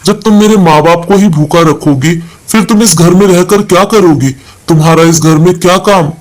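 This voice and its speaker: A man's voice: sits high, moderate pace, natural voice. Storybook husband, young, harsh and domineering, scolding, read by a man. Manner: shouting, scolding.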